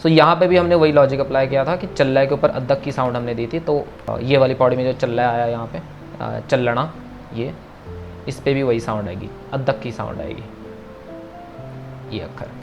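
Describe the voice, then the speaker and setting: Male class instructor on a video call, even middle voice, dull lo-fi sound with faint music. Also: mid-range voice. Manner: patient, repeats corrections, chants verses slowly. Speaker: Gurbani pronunciation teacher. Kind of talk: online class explanation.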